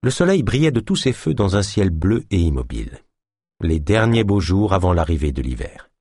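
A man's voice: low-pitched, big pitch swings, moderate pace, darkish tone, breathy edge, dry recording, clean studio sound. A man reading a novel aloud as an audiobook narrator, telling the story expressively.

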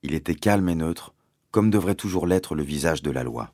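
A man narrating a children's story aloud in an expressive, storytelling manner. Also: extremely low pitch, moderate pace, no room sound, clean studio sound. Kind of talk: audiobook narration.

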